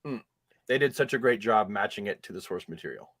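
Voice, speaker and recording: A man co-hosting a casual chat, jokey and animated, laughing often as he reacts to a trailer. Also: lowish voice, fairly quick. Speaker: podcast co-host.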